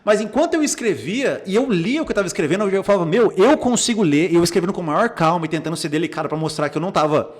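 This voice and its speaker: Fast-talking young man, animated storyteller. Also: sits high. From Brazil. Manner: animated storyteller, acts out quoted remarks, frequent restarts. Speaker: psychologist guest. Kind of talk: casual podcast conversation.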